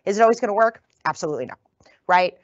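A woman from the northern United States lecturing as a physician, talking fast and casually and often tagging her points with "right?". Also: mid-range voice, expressive, no room sound, dull audio. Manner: quick, conversational, tags lines with "right?". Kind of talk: continuing-education lecture. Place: lecture room.

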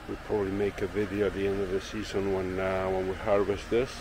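Speaking fairly quickly in a low voice against a noisy background, a woodworking channel owner carries his camera through a relaxed tour of his backyard garden and on into his workshop indoors. He rambles freely, filling gaps with fillers.

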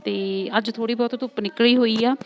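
A woman's voice: on the high side, little pitch movement, fast. A young woman with a Punjabi accent chatting casually in a home vlog, repeating herself and adding tag questions. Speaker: homemaker vlogger and mother. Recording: noisy home recording with clicks.

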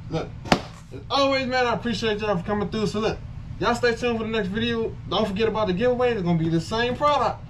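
A man's voice: sits high, quick pace. Casual male gear vlogger talking through a gas mask, laid-back, rambling; distant mic, noisy background. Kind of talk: casual product demo.

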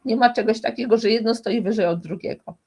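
A woman's voice: fairly high pitch, a little fast, a little mellow, husky. A woman speaking as a guest expert in a conversational interview, explaining emphatically and restarting often.

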